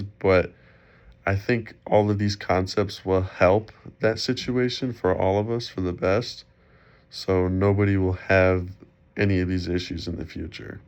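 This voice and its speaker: Young male student, low-pitched, slightly congested and muffled, halting informal presentation on a dull recording. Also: smooth. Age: young adult. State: slightly sick with a cold. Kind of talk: informal spoken presentation for a class discussion post. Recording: dull, lo-fi sound.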